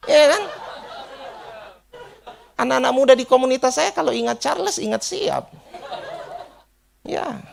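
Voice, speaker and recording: A man preaching a sermon, telling lively stories, acting out the people he quotes and moving into prayer. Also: very high voice, unhurried, gravelly, long pauses, some chatter behind. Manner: animated storyteller, acts out quoted people, laughs while telling. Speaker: pastor.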